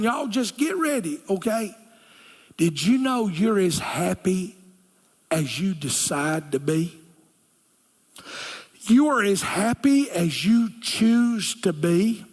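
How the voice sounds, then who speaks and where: Pastor preaching in a church hall. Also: male voice, high-pitched, expressive, slow pace, husky. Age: older. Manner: folksy, earnest, drops to a whisper for key lines. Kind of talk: sermon. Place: church sanctuary.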